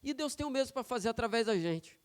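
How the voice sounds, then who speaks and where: A man preaching to his congregation, with a notably high voice. He talks informally and keeps checking in with the room through quick tag questions. His tone is smooth and resonant as he tells personal stories from the pulpit. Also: expressive. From São Paulo, Brazil. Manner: conversational, personal storytelling with frequent tag questions. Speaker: pastor. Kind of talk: sermon. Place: church sanctuary.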